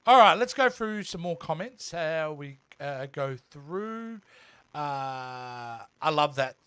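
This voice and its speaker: A man's voice: fairly high pitch, animated, slow, sharp tone, clear, resonant tone, no echo. An Australian man hosting a casual chat show, reading viewer comments and bantering. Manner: bantering, laughs often. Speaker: host.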